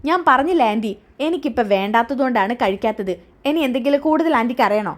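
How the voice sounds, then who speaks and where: A woman voicing a sulky, sharp-tongued young wife who answers curtly and defiantly. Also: fairly high pitch, expressive, fast talker, close to an everyday voice. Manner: curt, defiant.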